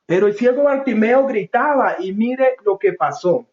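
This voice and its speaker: A man preaching a sermon with passion, swinging from loud pleading to low, soft phrases. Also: expressive, normal speed, echoey room, dull audio.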